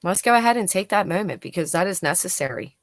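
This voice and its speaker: This woman talks fast in a lowish, expressive voice, and the recording is dry. She hosts a live stream with blunt sarcasm, mocking clips, chatting with viewers, reading chat and swearing freely as she reacts.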